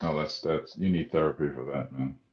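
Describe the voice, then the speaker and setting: In an echoey room with a dull, muffled sound, a man with a rumbling low voice and a steady tone talks fairly quickly. He's hosting a sports talk show, and his casual radio banter rambles as he keeps interrupting himself and starting over.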